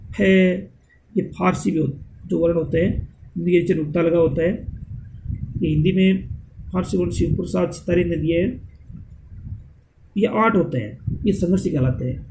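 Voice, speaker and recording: A man's voice: high voice, gravelly, dark tone, slight background noise, poor audio. A man giving a grammar lesson, reading out definitions and listing letters one at a time, sometimes correcting himself. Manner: reads definitions, then lists letters one by one, self-corrects. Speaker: Hindi grammar teacher. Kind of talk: classroom-style grammar lesson.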